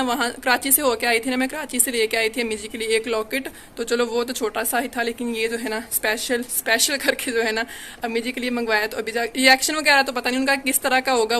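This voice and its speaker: A woman's voice: on the high side, sharp tone, slight background noise. A young woman from Pakistan, rambling chattily through a home vlog outdoors in a sunny courtyard, filmed on a handheld phone. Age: young adult. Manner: rambling, chatty, leans on "you know" fillers. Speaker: family vlogger. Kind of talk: casual home vlog narration.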